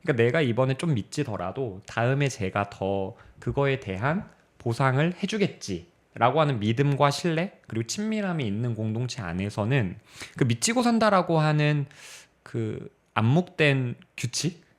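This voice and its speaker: A young man co-hosting a talk podcast, reasoning aloud in a measured, reflective way. He pauses often to find words, and his pitch moves a lot as he makes his points. His voice sits in an ordinary middle register. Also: big pitch swings. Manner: thoughtful, measured, pauses with filler sounds. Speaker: podcast co-host. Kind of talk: casual discussion of literature.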